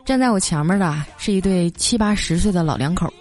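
A woman hosting a comedy segment, telling funny everyday stories in a chatty, lively radio style. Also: on the low side, quick pace, soft background music. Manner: chatty, lively, sprinkles filler particles. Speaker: host of a comedy story segment.

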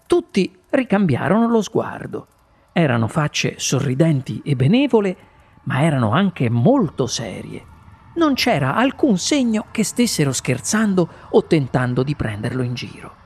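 Animated audiobook storybook narrator. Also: medium pitch, vocal fry, husky. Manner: animated, varied intonation.

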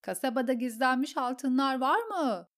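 A fierce young girl hurls high, frantic questions one after another, as a woman puts her on. Her pitch climbs well above the narrator's own and stays loud. She sounds vengeful and wild. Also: animated. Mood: frenzied. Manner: high, rapid-fire shouted questions.

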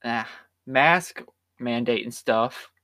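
A man's voice: mid-range voice, takes it slowly, bright, forceful tone, dry recording. A tired man co-hosting a podcast, rambling through opinions in casual chat. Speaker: podcast co-host.

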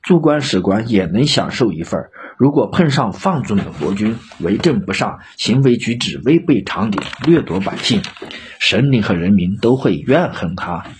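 A man voicing a shrewd, calm old chancellor who speaks in a measured, admonishing way. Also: on the low side, slight background noise.

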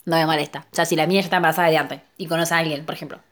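A young woman with a Rioplatense Spanish accent, chatting casually about books in an animated, teasing way. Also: low-pitched, racing, background noise. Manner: animated, teasing, laughs often.

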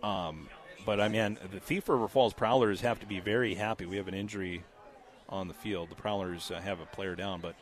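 The high school football game gets a steady, measured play-by-play call from a man whose voice is scratchy, with casual fillers along the way.

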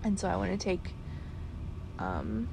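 Talking in circles once more, this weary vlogger and podcaster drifts through restarts and filler words at an unhurried pace. Her mid-range, gravelly voice swings hugely in pitch, and there's noise in the background.

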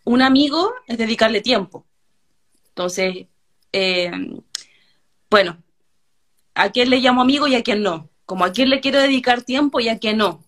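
A young Chilean woman chatting in an interview, telling stories in an animated way and acting out quotes. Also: on the high side, normal speed, pauses often. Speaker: guest, hairdresser. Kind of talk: casual interview chat.

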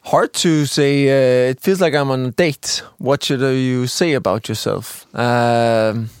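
A man's voice: mid-range voice, fairly even intonation, a little slow, clean tone, dry recording, clean studio sound. A man in his twenties from Denmark, co-hosting a podcast in casual chat, hesitant with many fillers and restarts. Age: 20s. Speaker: podcast co-host.

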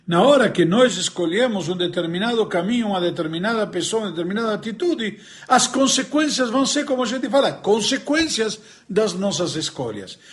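A man giving a Torah lesson, telling stories and a joke, acting out the characters and pausing to search for words. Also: sits high. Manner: animated storyteller, voices characters, searches for words aloud. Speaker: religious teacher.

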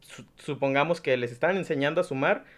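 A man in his twenties with a Nayarit Mexican accent, a student guest talking thoughtfully with many pauses and fillers. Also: on the high side. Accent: Nayarit Mexican Spanish. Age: 20s. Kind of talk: casual chat.

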